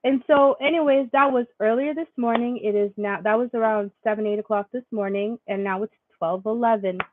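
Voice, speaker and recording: A woman's voice: a little high, fairly quick, slight background noise. A young woman vlogger telling a faith story in a rambling way, full of fillers and restarts. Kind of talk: casual spiritual vlog monologue. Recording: dry tinny lo-fi sound.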